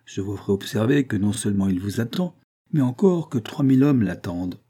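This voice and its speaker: A man voicing a grim, menacing male doctor with a hollow, rumbling voice in an audiobook reading. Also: lively intonation, a little fast, dark tone, husky. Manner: low and rumbling, ominous.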